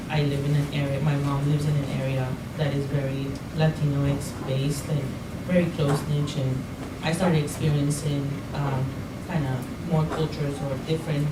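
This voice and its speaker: A woman's voice: low-pitched, flat delivery, moderate pace, few pauses. A young woman from Colombia speaking on a conference panel, hesitant with many fillers. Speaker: program director on a panel. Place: large conference room. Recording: echoey hall, distant mic, loud background noise.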